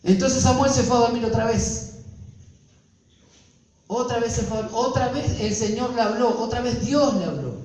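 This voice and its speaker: An Argentine pastor with a high voice preaching in a church, heard from a distance. He keeps throwing rhetorical questions at the congregation. The room echoes heavily and faint noise sits under him. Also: moderate pace, long pauses, darkish tone. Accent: Argentine Spanish. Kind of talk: sermon.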